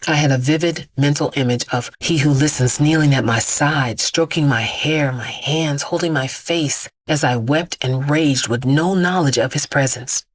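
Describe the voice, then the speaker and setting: An actress voices an immortal vigilante woman, weary, haunted and defiant, recounting her story in an intense, measured audio drama monologue. Her deep voice drops into hushed passages, and the mood is somber and resolute. There's no echo.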